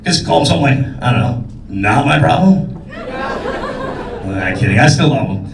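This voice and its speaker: A man's voice: medium pitch, animated, quick pace, vocal fry, distant mic, noisy background. Brash profane stand-up comedian man. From New York State. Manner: brash, profane, self-mocking punchlines. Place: comedy club stage. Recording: roomy club recording, faint crowd.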